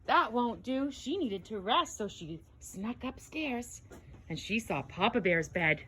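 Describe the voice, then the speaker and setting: A woman's voice: on the high side, animated, a little slow, pushed and bright, husky. A woman narrating a children's storybook tale aloud, with dramatic exclamations and gasps.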